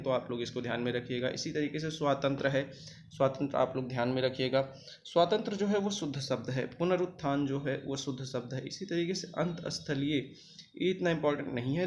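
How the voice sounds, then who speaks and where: A man's voice: mid-range voice, highs cut off, slight background noise. A man with a North Indian Hindi accent teaching an online exam-prep spelling lesson, repeating each word and reminding students to remember it.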